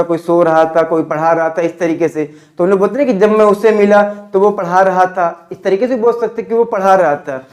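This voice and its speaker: A young man giving a video English lesson in Hindi, slowing down to say each English example sentence. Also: high-pitched, a little mellow. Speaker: English teacher. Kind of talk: classroom-style video lesson.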